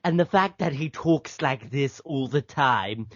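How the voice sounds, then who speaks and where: A man's voice: medium pitch, expressive, unhurried, no room sound. A man chats casually about making his fan abridged series, wandering through his points with plenty of fillers. The sound is dull and lo-fi, and dry with no room around it. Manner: rambling, filler-heavy, laughs often. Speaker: abridged series creator and voice actor. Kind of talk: casual interview chat. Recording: dull lo-fi voice chat audio.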